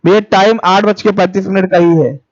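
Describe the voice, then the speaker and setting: High-voiced man dictating a lesson. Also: fairly even intonation. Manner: slow, repeats key phrases for dictation; chats with viewers' comments. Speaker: online Hindi teacher. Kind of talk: live-streamed exam class. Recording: dull lo-fi sound.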